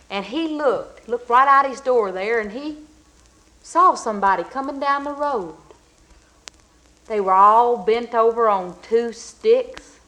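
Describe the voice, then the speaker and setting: A woman telling a folk tale in a folksy, drawn-out and emphatic way. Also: fairly high pitch, fairly bright tone, rough recording. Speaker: storyteller. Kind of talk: folk storytelling.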